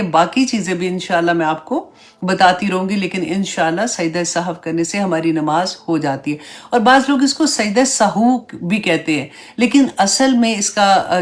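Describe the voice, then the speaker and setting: A woman with a lowish voice teaches an online religious class. She talks in a loose, chatty way and slips English words into her sentences. She keeps asking her listeners whether they follow. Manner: conversational, mixes English words into Urdu; checks in with listeners, "right?", "hai na?". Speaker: Islamic teacher.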